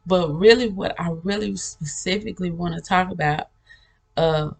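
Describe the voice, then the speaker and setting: A woman's voice: on the low side, normal speed, gravelly. A woman hosting a spiritual channel, telling about a vision in a casual, rambling way, with many restarts and frequent laughter. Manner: earnest, storytelling.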